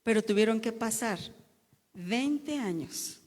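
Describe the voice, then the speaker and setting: A woman's voice: fairly high pitch, lively intonation, takes it slowly, darkish tone, in a large hall. A woman giving an emotional church testimony as a pastor's wife, telling her story with repetitions and restarts.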